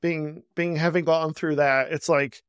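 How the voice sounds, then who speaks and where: Male host, slightly high smooth voice, relaxed sarcastic chat, dry close mic. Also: no echo. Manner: conversational, quick asides, self-aware sarcasm. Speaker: podcast host. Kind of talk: casual podcast conversation.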